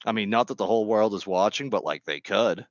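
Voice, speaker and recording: A man chatting casually on a vlog, rambling from topic to topic with deadpan, jokey humor, speaking into a Bluetooth microphone. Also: fairly low pitch, fairly quick, dry recording, muffled recording. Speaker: vlogger.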